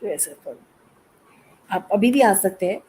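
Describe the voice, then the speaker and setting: A man hosting a casual online group chat on a livestream, relaxed and repetitive as he switches between two languages. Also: high voice, unhurried, breathy edge, poor audio. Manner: relaxed, mixes Hindi and English, repeats himself. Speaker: livestream host. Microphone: video call setup.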